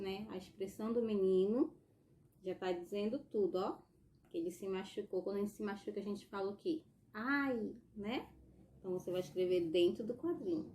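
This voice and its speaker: A Brazilian woman teaching young children in a recorded lesson, with a mid-pitched voice. She explains patiently, step by step, checking in often with short tags. Faint ambient sound sits behind her. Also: a little mellow, slight background noise. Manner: patient and explanatory, tagging sentences with "tá?" and "ó". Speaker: primary school teacher.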